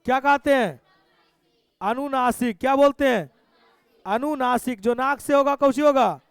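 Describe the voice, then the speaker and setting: Man, teacher, very high voice, smooth and resonant, keeps quizzing and repeating answers. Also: measured pace, no room sound, some chatter behind. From Bihar, India. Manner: quizzing, repeats questions and answers, coaxing students. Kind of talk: exam-prep lesson.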